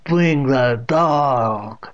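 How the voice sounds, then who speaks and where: For a storybook reading, a man voices a stern, eerie deaf old woman aged at least eighty, speaking in a slow, drawn-out, commanding way. The mood is stern and cold, with a medium pitch and lo-fi sound.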